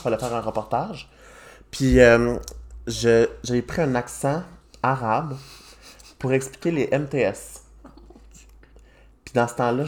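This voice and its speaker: A Québécois man in his twenties hosts a casual podcast chat, telling self-mocking stories and laughing often. He speaks in a mid-range voice with a joking, storytelling manner.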